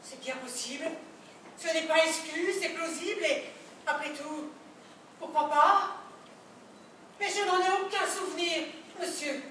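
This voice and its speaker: A woman acting a prim, overly polite wife in an absurdist stage play, speaking with measured, ceremonious politeness. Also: very high voice, sharp tone, a little hiss or hum, exaggerated voice. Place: theatre stage. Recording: echoey stage sound from a distant mic.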